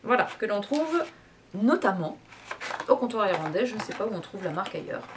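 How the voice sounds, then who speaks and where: A woman's voice: mid-range voice, big pitch swings, a little fast, noisy background. A woman with a French accent chatting casually about teas she bought, hesitating and restarting often. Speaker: tea vlogger. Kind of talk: casual product review chat.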